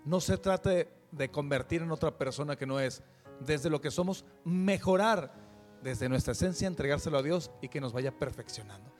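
Fervent man hosting, bright pitch. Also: normal speed, faint music behind. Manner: fervent, preachy, addresses viewers directly. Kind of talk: earnest spoken commentary.

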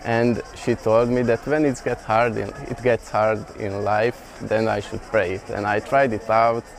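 Young man, hesitant and earnest, low voice. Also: flat delivery, unhurried, gravelly, rough recording. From Slovakia. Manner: hesitant, many ums, earnest. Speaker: festival pilgrim. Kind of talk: casual interview answers.

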